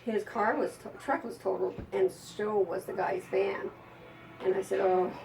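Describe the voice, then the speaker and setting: Gravelly older woman telling stories. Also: mid-range voice, fairly even intonation, moderate pace, darkish tone, distant mic, faint music behind, poor audio. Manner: chatty, rambling anecdotes with frequent laughs. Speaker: psychic. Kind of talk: storytelling to an audience.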